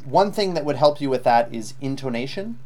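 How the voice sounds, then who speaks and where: A man's voice: medium pitch, animated, brisk, a little mellow. A man teaching a live online IELTS lesson, patiently giving spoken feedback with frequent ums.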